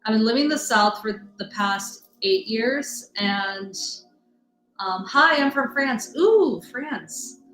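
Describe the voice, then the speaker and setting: A woman's voice: a little high, expressive, slow pace, a bit bright. A woman in her thirties from the US Midwest hosting a casual live stream, rambling and greeting viewers by name. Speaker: livestream host, energy reader. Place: home room in Texas. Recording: echoey room, faint music.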